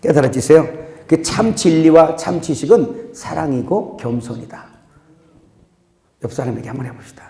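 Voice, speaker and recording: A man preaching a sermon as pastor, swinging between loud outbursts and quiet asides, laughing at his own jokes. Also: on the high side, animated, moderate pace, gravelly, reverberant.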